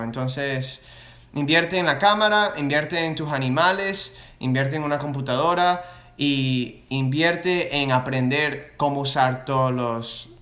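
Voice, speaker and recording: Chatty bright-voiced man, echoey room. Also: mid-range voice. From Florida. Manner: rambling, many restarts and fillers; switches between Spanish and English. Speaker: reptile breeder answering viewer questions. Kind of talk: casual livestream Q&A.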